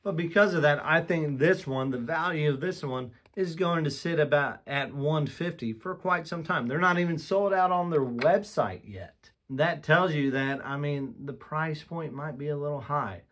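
A man's voice: fairly high pitch, normal speed, hardly any pauses, a bit bright. A man reviewing a collectible lighter in a casual vlog, talking candidly and with enthusiasm, often restarting his sentences. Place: room with shelves of lighters on display, indoors.

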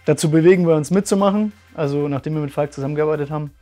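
Guy in his 30s giving a testimonial, warm mellow voice, a bit high, earnest, lots of ums, faint music behind. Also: rapid-fire. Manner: earnest, thoughtful with frequent fillers. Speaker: martial arts school owner. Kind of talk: testimonial interview. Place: bright room with curtains, indoors.

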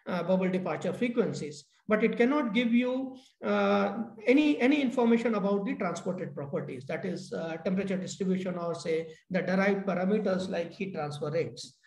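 High-voiced man lecturing, halting. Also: gravelly, a little mellow. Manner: halting, many fillers and restarts. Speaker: keynote lecturer. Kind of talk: technical academic lecture. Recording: echoey room.

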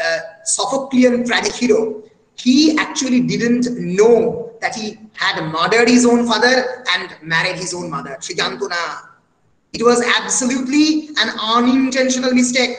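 Slow, high-voiced man lecturing. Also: fairly bright tone, roomy sound, in a large hall, rough recording. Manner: lecturing with many drawn-out fillers; recites quotations with feeling. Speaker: literature lecturer. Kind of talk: online lecture mixing Bengali and English.

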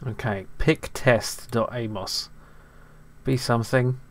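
A man's voice: mid-range voice, fairly even intonation. A middle-aged man hosting a retro computing video, muttering casually and mocking himself as he explores old files. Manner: muttering, self-deprecating, quick to laugh. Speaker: retro computing channel host.

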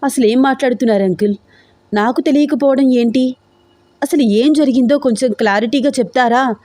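A woman's voice: high-pitched, brisk, a little mellow, dry recording, clean studio sound, pitched above the performer's own voice, natural voice. A woman voicing a frantic, pampered young woman in a storybook audio drama, talking in an urgent, pleading, tearful way.

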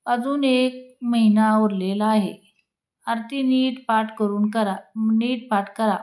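A woman's voice: fairly high pitch, fairly even intonation, takes it slowly, a little mellow. A woman reading a string of husband-and-wife jokes to her audience. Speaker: joke teller.

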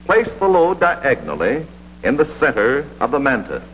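Here a mid-range male voice swoops wildly in pitch while keeping a normal speed. He is an American narrator of an old military training film, reading a script with commanding, instructive authority over a dull vintage soundtrack full of hum and hiss.

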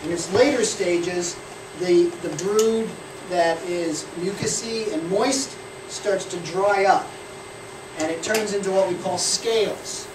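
A man's voice: high-pitched, slow pace. Male beekeeping instructor, 40s, practical and explanatory, captured by a distant camera with noise. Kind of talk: hands-on teaching talk. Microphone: far camera. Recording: echoey and noisy from far off.

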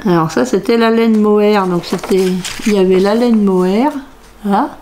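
A woman's voice: mid-range voice, steady tone, normal speed, dark tone, a little hiss or hum. A middle-aged woman chatting casually to camera from her craft room, musing aloud and half-singing repeated phrases as she hunts through her purchases. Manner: musing aloud, sing-song repeated phrases while searching. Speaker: crafts vlogger. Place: home craft room, indoors.

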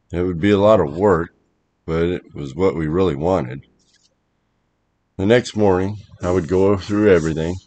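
A man narrating a first-person horror story in a measured, dramatic way. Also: deep voice, a little mellow.

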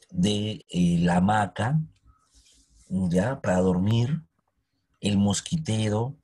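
Male history teacher, husky, coaxing, full of questions. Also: lowish voice, darkish tone. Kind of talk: recorded history lesson.

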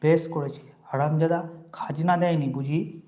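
A reader voicing a harsh, contemptuous middle-aged estate agent of a landlord, who barks insults and scolds loudly. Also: mid-range voice, steady tone, unhurried, natural voice. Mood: scornful, scolding.

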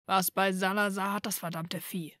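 A woman's voice: mid-range voice, very fast, no room sound, clean studio sound, natural voice. A woman reading the lines of a cold, impatient young male wizard in a fan audiobook. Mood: cool.

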